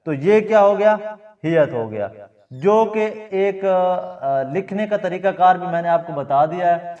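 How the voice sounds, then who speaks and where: A man from Pakistan teaches Korean while standing at a board, explaining step by step and checking that his students keep up. His voice sits a little high for a man. He is recorded from across a classroom, so the sound is distant and muffled. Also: expressive, darkish tone. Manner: explains patiently, often checks understanding. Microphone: camera mic from a distance. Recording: distant, dull camera audio.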